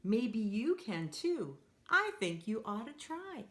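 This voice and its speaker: This storytime host speaks a little high and at a slow pace as she reads to young children. She's animated and playful, urging the kids to join in and performing sound effects along the way.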